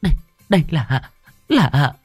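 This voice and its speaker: A man's voice: a little high, lively intonation, slow, dark tone, no room sound, soft background music, voice pushed up. A man voicing a frightened teenage village girl who stammers and sobs as she speaks. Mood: stammering tearful. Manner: stammering, sobbing.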